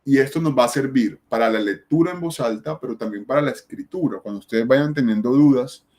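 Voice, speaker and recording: A man's voice: mid-range voice, brisk, a little mellow. A male teacher with a mid-range voice walks students through a spelling lesson. He is patient and methodical, asking questions aloud and answering them himself. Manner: patient, explains step by step with rhetorical questions.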